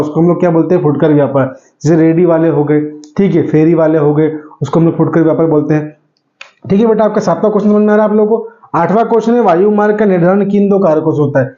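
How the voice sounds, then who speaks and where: A man's voice: sits high, warm tone, roomy sound, muffled recording. A man teaching an exam-prep lesson, calling his students 'beta', asking a question and answering it himself, and repeating the answers.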